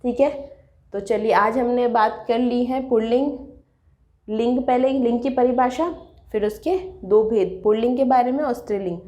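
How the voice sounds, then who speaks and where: A woman's voice: a little high, steady tone, normal speed, warm tone. A woman teaching a Hindi grammar lesson, explaining step by step and asking and answering her own questions. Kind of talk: classroom-style online lesson. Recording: echoey room.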